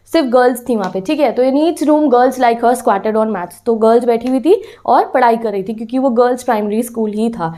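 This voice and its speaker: A woman's voice: on the high side, mellow. A woman teacher explaining a class 10 English chapter to students, patiently retelling the story and mixing in English phrases. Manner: explains patiently, mixes English phrases, checks in with "theek hai".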